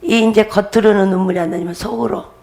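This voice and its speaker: A middle-aged woman pastor delivers a testimony sermon with a gravelly, creaky edge to her voice. She speaks at an ordinary pitch, pressing her points by repeating them and laughing between phrases. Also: steady tone, fast talker, a little mellow. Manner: emphatic, repetitive, laughs while preaching.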